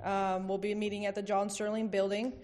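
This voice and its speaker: A woman's voice: mid-range voice, flat delivery, brisk, darkish tone. A woman chief giving an upbeat, informal presentation at a public council meeting.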